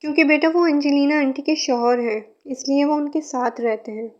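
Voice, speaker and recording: Overwhelmed young mother in a fanfic reading, read by a woman; high, strained, lo-fi. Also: steady tone, moderate pace, close to an everyday voice. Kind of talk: fan fiction reading. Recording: muffled lo-fi recording.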